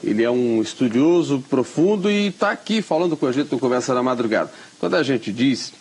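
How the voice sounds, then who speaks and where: A man's voice: mid-range voice, expressive, brisk, a little mellow, breathy edge. A man hosting a TV talk show, prompting his guest with short questions and agreements.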